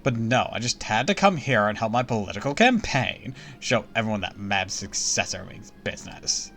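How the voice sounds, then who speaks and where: A man's voice: lowish voice, big pitch swings, moderate pace, a bit bright, faint music behind. A man voicing a haughty young fairy princess from a game, with a cocky, bossy Valley Girl delivery. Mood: indignant. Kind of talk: playful game dialogue read-aloud.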